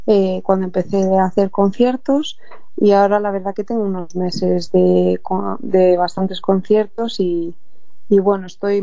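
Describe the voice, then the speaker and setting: A woman's voice: medium pitch, mellow, dry recording. A young woman from Madrid, a singer-songwriter, answering interview questions in a thoughtful, hesitant way with a Madrid Spanish accent. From Madrid, Spain. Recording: dull lo-fi dry sound.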